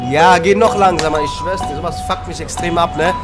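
A gamer in his twenties, voice on the high side and steady, talks a little fast through exasperated, sweary commentary packed with street slang. He records in a small room at home on a headset with a large mic close to his mouth, game music and sound playing behind him.

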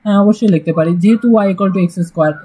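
A man's voice: sits high, very fast, mellow, low-quality recording. A man teaching a casual math lesson, chatty and joking, with frequent "uh" fillers. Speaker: math tutor.

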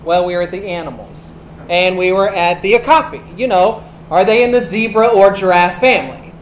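A woman's voice: on the low side, brisk, slight background noise, natural voice. An actress on stage playing a giggly, mischievous young woman telling a story. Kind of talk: stage musical acting. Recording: echoey stage.

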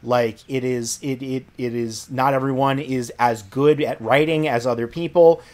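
A young man in his twenties co-hosts a relaxed podcast chat. He is easygoing and jokey, and often chimes in with quick agreement. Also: medium pitch. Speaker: podcast co-host. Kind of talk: casual chat.

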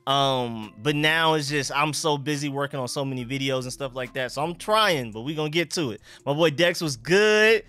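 A young man with a sharp voice on the high side talks at normal speed with hardly any pauses. Hosting a casual sports livestream, he greets viewers in slang and keeps repeating greetings and catchphrases, his speech slightly affected by a dental retainer.

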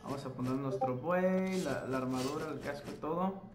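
A man with a mid-range voice hosts a casual gameplay tutorial at a moderate pace, chatting to viewers he calls "chicos" and correcting himself as he explains. Music plays behind him in an echoey room with faint noise.

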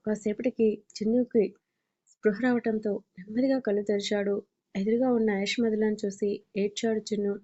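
A woman narrates a romance story in an even, scripted way. Her voice is warm and mellow with very little melody. The recording is slightly dull and lo-fi. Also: medium pitch, brisk.

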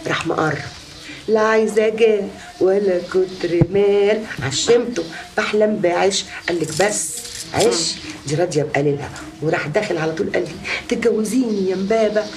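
A woman's voice: on the low side, very fast, background noise, lightly acted. An actress with an Egyptian accent playing a boastful, gossiping woman who has married many times. She tells her story in a chatty, exaggerating way. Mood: boasting. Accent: Egyptian Arabic.

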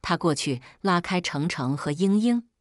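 A woman reading a family drama story aloud as narrator in an even storytelling manner. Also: on the low side, measured pace, dry recording, studio quality.

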